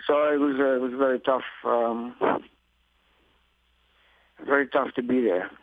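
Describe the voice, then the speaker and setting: A middle-aged man from Greece with a Greek accent, a guest speaking in a relaxed, wry way with many fillers. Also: mid-range voice, a little slow, no echo. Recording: tinny phone line.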